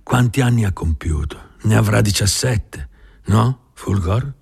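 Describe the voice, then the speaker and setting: Man doing calm old ranch boss, low, slow, husky. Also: exaggerated voice. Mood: indulgent. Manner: calm and dismissive. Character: indulgent older male ranch owner. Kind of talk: audiobook character reading.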